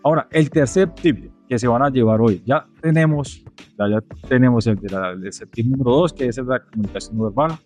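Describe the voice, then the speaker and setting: A man's voice: mid-range voice, a little fast, darkish tone, soft background music. A man with a Colombian Caribbean coast accent, hosting a podcast and playfully prompting his guest in casual chat. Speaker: podcast host.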